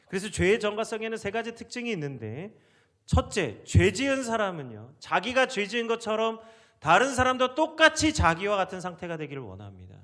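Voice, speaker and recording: A male pastor delivering a sermon, dramatically acting out the biblical figures' words and dropping to hushed asides. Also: a little high. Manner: dramatic, acts out biblical voices with sharp rises and drops to near whisper.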